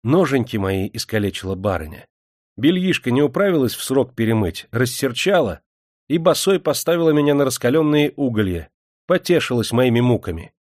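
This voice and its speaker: A man's voice: medium pitch, big pitch swings, brisk, a little mellow, no echo, clean studio sound, close to an everyday voice. A man doing a crippled young serf woman, pleading. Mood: plaintive. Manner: pleading, mournful complaint.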